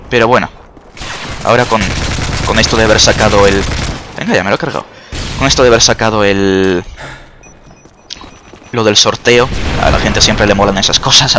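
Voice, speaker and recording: A man's voice: on the low side, bright, forceful tone, slight background noise. A young man from Spain with a Spanish accent, chatty and sarcastic as he comments on his own gameplay, yelping at the game now and then. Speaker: gaming YouTuber. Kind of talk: let's-play commentary. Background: faint game gunfire.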